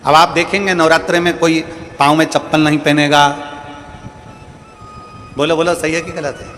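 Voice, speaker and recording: A man's voice: fairly high pitch, flat delivery, moderate pace, a bit bright, long reverb tail, faint music behind. A man giving a devotional sermon as a religious storyteller, preaching in rhythmic repeated phrases. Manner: sings bhajan lines, then preaches in rhythmic repetitions.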